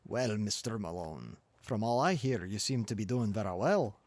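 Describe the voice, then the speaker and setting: A man's voice: on the low side, expressive, normal speed, a little mellow, no echo. Man voicing a kindly old Scottish news editor. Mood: kindly, approving.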